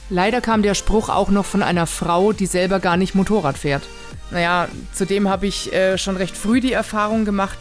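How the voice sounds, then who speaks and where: A woman from the Nuremberg area in Germany introduces herself as a motorcycle vlogger in a measured, explanatory scripted voice-over, addressing viewers directly. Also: mid-range voice. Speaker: motorcycle vlogger, novice rider.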